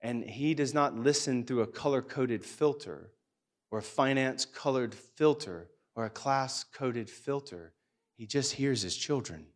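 Pastor, male, mid-pitched voice, earnest sermon delivery in a school hall on a mic. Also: measured pace. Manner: earnest, acts out listeners' doubts in a livelier voice. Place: school hall church gathering. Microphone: handheld or stand microphone.

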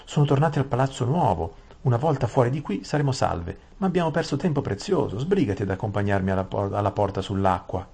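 A man's voice: medium pitch, sing-song, fast, vocal fry, hardly any pauses, a little mellow, husky, voice pushed up, exaggerated voice. Man doing an impatient, determined young girl. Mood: urgent insistent. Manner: urgent, insistent.

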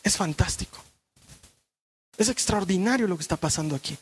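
A male pastor preaching a sermon, asking the congregation questions and moving between brisk explanation and hushed emphasis. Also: sits high, lively intonation, breathy edge.

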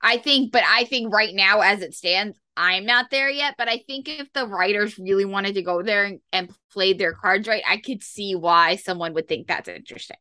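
Female podcast co-host, bright, sparkly tone, enthusiastic fan chatter. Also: medium pitch, normal speed, hardly any pauses, no echo, clean studio sound. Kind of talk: casual TV recap chat.

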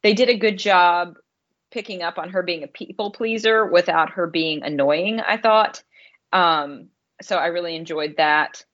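Speaking unhurriedly in a lowish, fairly bright voice, a female film critic co-hosts a relaxed movie podcast and lays out her views articulately and conversationally. The recording's highs are cut off.

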